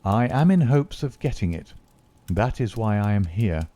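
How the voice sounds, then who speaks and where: Unflappable detective, calm and dry, close dry sound, male reader voicing him. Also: lowish voice, normal speed, dry recording, close to an everyday voice. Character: cool, confident male detective.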